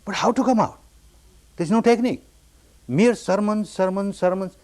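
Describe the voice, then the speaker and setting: A man from Burma giving a meditation discourse, telling his own story with repeated, emphatic phrases that jump up high on the key words. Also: moderate pace, a little mellow. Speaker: meditation teacher.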